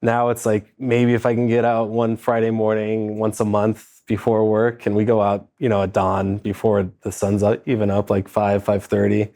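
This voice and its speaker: Laid-back lower-voiced man. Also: moderate pace, few pauses. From San Diego, California. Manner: relaxed, laid-back, with frequent "uh" and "um". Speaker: guest, private lender. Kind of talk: casual interview chat.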